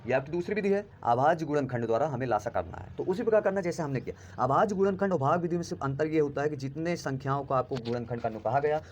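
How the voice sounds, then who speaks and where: Fast-talking male math teacher. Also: a little high, a little mellow, dull audio, a little hiss or hum. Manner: quick, explanatory, checks understanding with "clear?". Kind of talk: explaining class 5 math lesson.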